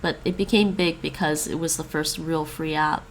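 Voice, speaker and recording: Raised with English and Chinese, a woman chats casually on a stream while practicing languages, thinking aloud and repeating foreign phrases. Her voice sits low with a steady tone at normal speed. The recording is low quality, with slight background noise.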